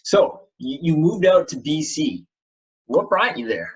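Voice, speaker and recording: A man's voice: a little high, very animated, measured pace. A man hosting a casual radio interview, easygoing and agreeable. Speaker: radio host. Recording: dull lo-fi audio.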